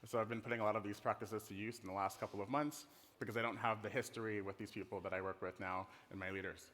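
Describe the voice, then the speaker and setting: This middle-aged man, a design director from the Netherlands with an American accent, talks fast in a lowish, slightly bright voice with fairly even intonation. He presents informally and playfully from a conference stage, as if chatting. The hall sounds reverberant.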